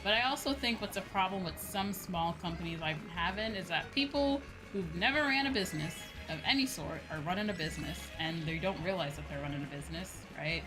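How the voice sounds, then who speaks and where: Speaking fairly quickly with few pauses, a woman with a lowish voice chats through a gaming stream as a VTuber, game music playing underneath. The recording is rough, and her casual opinions come peppered with tag questions and some swearing.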